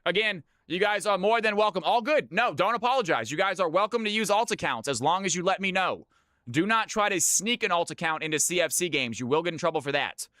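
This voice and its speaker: A man's voice: sits high, expressive, a little fast, bright, forceful tone, no room sound, clean studio sound. A man hosting a livestream of community games, chatting informally with viewers and often repeating his phrases. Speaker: livestream host running community custom games. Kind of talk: livestream chat and game-lobby announcing.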